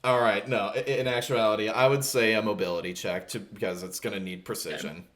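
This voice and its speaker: A man running a tabletop game as game master, narrating in a rambling, relaxed way full of fillers. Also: fairly low pitch, brisk.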